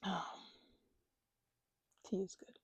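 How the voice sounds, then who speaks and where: A woman speaks extremely slowly on a dry recording, playing a talkative, loving housemate getting over a migraine in a one-sided ASMR roleplay. Her casual chatter is playful and teasing, with some stammering.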